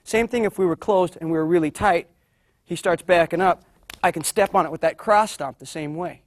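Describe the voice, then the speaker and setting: Man, martial arts instructor, somewhat high voice, dry close sound, explains while demonstrating. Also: normal speed, no room sound.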